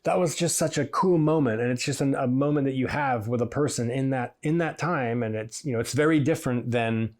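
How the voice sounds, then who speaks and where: A man's voice: mid-range voice, fairly quick, few pauses, darkish tone. A man from Washington State, a hairdresser and podcast host, telling stories in a rambling, chatty way, livening up when he quotes people. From Washington State, USA. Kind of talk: casual storytelling monologue.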